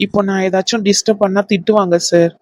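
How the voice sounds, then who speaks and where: A polite, evasive cartoon hotel worker, voiced by a woman, deferential at a middle pitch. The recording is close and dry. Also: steady tone, quick pace, darkish tone, dry recording, lightly acted. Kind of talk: cartoon voice acting.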